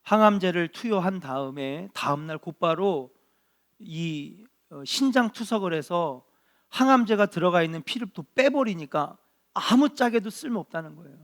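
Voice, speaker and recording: A middle-aged man preaching a sermon as a pastor, earnest and drawn-out, asking rhetorical questions and dropping in short affirming interjections. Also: high voice, expressive.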